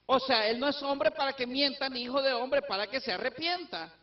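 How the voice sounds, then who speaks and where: A man's voice: very high-pitched, fairly quick. Man, Bible teacher, explanatory, rhetorical questions, dull lo-fi sound. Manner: explanatory, asks and answers his own questions. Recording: distant, dull lo-fi recording.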